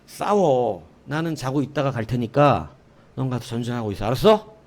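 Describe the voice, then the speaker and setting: A man voicing a gruff, hungover senior army sergeant who curses and grumbles irritably at being woken. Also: mid-range voice, lively intonation, normal speed, lightly acted. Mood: dismissive. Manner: cursing, drowsy and irritable, shouting.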